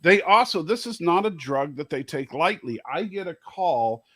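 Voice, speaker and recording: A man's voice: a little high, lively intonation, moderate pace, fairly bright tone, no room sound. A man hosting a casual chat, reading out viewer comments and laughing often. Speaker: host.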